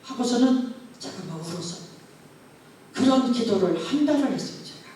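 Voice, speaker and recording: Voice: medium pitch, lively intonation, normal speed, warm tone, a little hiss or hum. A pastor preaching a sermon through a story, acting out the dialogue as it goes. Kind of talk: testimony sermon. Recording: very echoey church hall, mic far off.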